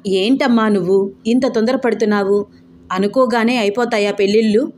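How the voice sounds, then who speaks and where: A woman voicing a calm middle-aged father who reasons patiently. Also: fairly high pitch, moderate pace, lightly acted. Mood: reasoning.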